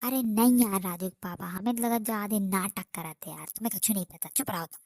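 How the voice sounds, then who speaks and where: A woman's voice: mid-range voice, a little fast, darkish tone, no echo, studio quality, voice pushed down, close to an everyday voice. Woman doing a grumbling lazy old mother-in-law. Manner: scolding, suspicious, rustic speech.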